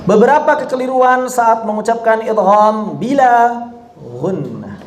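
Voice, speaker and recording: A man teaching Quran recitation rules, explaining each rule and then slowly demonstrating phrases for students to repeat, correcting common mistakes. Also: sits high, lively intonation, echoey room, slight background noise. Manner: drills slow example phrases for students to repeat. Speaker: tajwid teacher.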